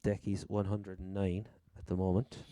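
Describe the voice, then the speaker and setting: A man's voice: low-pitched, completely flat delivery, moderate pace, dark tone, no echo, clean studio sound. A man with a Cork Irish accent hosting a casual chat about sport. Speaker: fantasy football podcast host.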